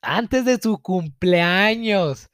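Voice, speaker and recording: A man's voice: high-pitched, animated, very slow, a bit bright, no room sound, studio quality. A young man with a Mexican accent tells a viewer's story in a casual, profane, mock-outraged way, with frequent laughter.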